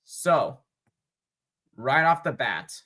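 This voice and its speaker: A man hosting a sports fan vlog, thinking aloud in casual, unscripted commentary with pauses and fillers. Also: medium pitch, sing-song, bright, forceful tone. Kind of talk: casual mock draft commentary.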